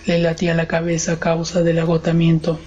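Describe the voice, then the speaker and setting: A man narrating a horror story as an audiobook in a measured, even reading. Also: fairly high pitch, highs cut off, soft background music.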